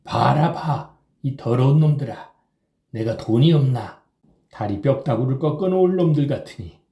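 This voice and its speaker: A man voicing a drunk, boisterous middle-aged rickshaw puller who shouts and slurs in an audiobook reading. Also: medium pitch, measured pace, echoey room, voice pushed up, close to an everyday voice. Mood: drunken rage. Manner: loud, slurring drunken shouting.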